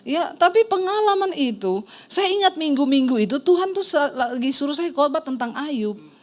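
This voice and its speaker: A middle-aged Indonesian-accented woman pastor preaches with a high, sing-song, slightly mellow voice at a moderate pace. She tells a personal testimony as a story, acting out the quoted voices and addressing the congregation as "Saudara."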